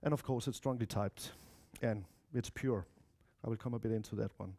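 In an indoor lecture room, a software developer in his thirties presents an informal technical talk as a conference speaker, chatty and full of asides to listeners. He has a Danish accent and a fairly low, creaky, mellow voice with fairly even intonation at a moderate pace. His family is mixed Spanish-Danish, and he comes from Denmark or Spain.

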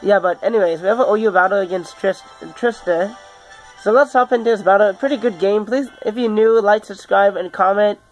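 A man's voice: sits high, faint music behind, low-quality recording. Sick-sounding man rambling through game commentary. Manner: rambling, halting, self-correcting. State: sick, under the weather. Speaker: gaming channel host.

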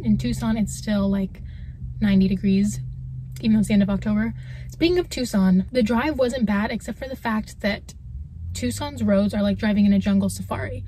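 A young woman in her twenties vlogs candidly into her phone camera held at arm's length, speaking first from a parked car and later from an indoor room. Chatty and slightly nervous, she has a slightly high, darkish voice, with a little hiss or hum.

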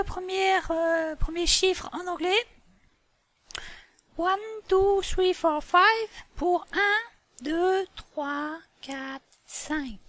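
Woman as a patient animal teacher, didactic, muddled, fillers, very high, dry close sound. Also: a bit bright, no echo, heavily acted. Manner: didactic, slow, full of fillers. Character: patient female animal schoolteacher, a bit muddled. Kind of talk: toy role-play lesson.

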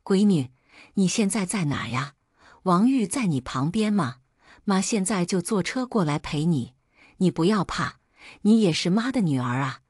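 Casting: a woman playing a worried older mother, low-pitched, pleading and soothing, dry studio sound. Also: expressive, moderate pace, a little mellow, slightly rough, dry recording. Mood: tearful. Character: worried older mother comforting her daughter.

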